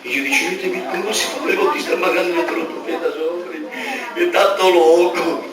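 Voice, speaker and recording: A man from Extremadura preaching a fiery sermon with a Spain Spanish accent, swinging between shouts and hushed low tones, heard on an old cassette dictaphone recording. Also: steady tone, brisk, a loud crowd. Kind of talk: Pentecostal-style sermon. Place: large church hall. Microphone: handheld dictaphone in the congregation. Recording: echoey hall taped from far off with music. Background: music and congregation responses.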